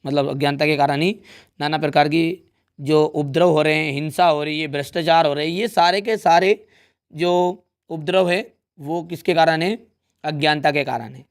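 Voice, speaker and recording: A young male teacher talks through a revision lesson one step at a time. His voice sits a little high, and he keeps checking in with his students in a friendly, easy way. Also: steady tone, normal speed, clean tone.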